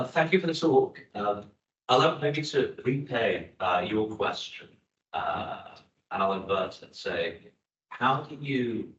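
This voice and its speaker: A man's voice: fairly low pitch, fairly bright tone. A man in the audience asking a question in a chatty, probing manner. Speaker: audience member. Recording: echoey hall, distant dull mic, faint noise.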